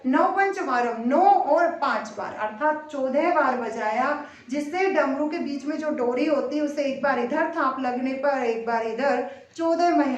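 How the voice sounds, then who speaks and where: A woman with a Hindi accent teaching Sanskrit grammar in a slow lesson, reciting syllables one by one with careful pronunciation. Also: high voice. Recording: echoey room, distant dull mic.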